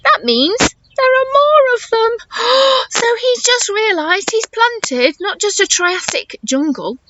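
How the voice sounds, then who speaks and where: A woman teacher reads a picture book to young children in a very high-pitched, sing-song voice, taking it slowly. She reads expressively as an animated storytime, pausing to explain things and ask the children questions. The sound is lo-fi with background noise.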